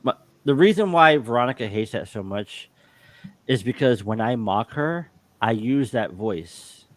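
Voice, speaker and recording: A man co-hosting a podcast, telling a story in casual, animated chat. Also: mid-range voice, measured pace, dry recording. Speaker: podcast co-host.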